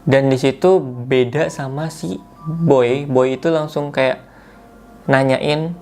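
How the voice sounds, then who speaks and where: A man's voice: medium pitch, fairly even intonation, slow pace, darkish tone, soft background music. A man casually retells a listener's mountain horror story as host, talking loosely with slang fillers and self-corrections.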